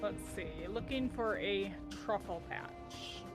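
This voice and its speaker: A woman's voice: medium pitch, takes it slowly. A woman giving casual live gameplay commentary, musing aloud as she plays. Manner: musing aloud, reads dialogue choices aloud. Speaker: game streamer. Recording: faint game music behind.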